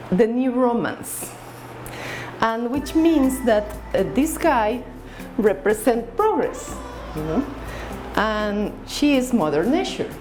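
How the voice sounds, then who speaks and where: Slow, lively Salvadoran woman artist. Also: on the high side, poor audio. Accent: Salvadoran Spanish. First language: Spanish. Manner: hesitant, with frequent fillers and restarts. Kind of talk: explaining her paintings in her studio. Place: her art studio.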